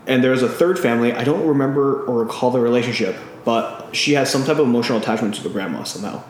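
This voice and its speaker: A Californian man with a medium-pitched voice talks quickly as a podcast co-host in casual chat. He retells a film at length, full of ums and restarts, in a very echoey room with faint noise.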